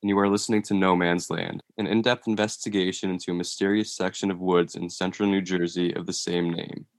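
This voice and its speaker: A man with a deep voice hosts an investigative podcast. His delivery is narration-like, and the sound is dry, with little room around it. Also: flat delivery, brisk, no room sound. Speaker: podcast host. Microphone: video call.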